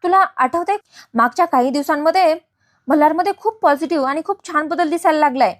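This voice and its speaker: A woman's voice: high voice, quick pace, lightly acted. A woman voicing a middle-aged aunt who talks earnestly and coaxingly.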